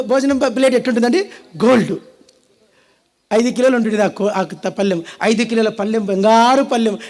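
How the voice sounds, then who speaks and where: A man with a Telugu accent preaching a sermon, dramatic and swinging between loud and hushed, calling on the congregation to answer. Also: extremely high pitch. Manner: calls on the audience to answer.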